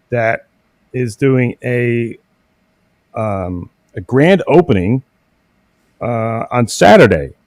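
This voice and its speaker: Male guest, gravelly, rambling and hesitant, dry close sound. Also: mid-range voice, a little mellow, no echo. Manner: rambling, many ums and uhs, halting. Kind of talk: casual interview chat.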